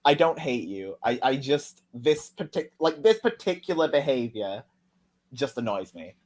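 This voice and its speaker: A man's voice: mid-range voice, big pitch swings, normal speed, a little mellow. A man hosting a casual commentary, reading out tweets and answering them sarcastically and heatedly, with frequent swearing. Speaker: commentary video host.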